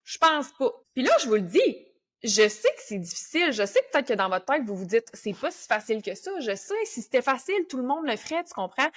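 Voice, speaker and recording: A young Québécois woman hosts a motivational podcast in a fairly high voice. She talks to the listener in a loose, chatty coaching tone and slips English phrases into her speech. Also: fairly bright tone. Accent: Québécois French. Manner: casual, coaching, peppered with English words. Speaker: podcast host.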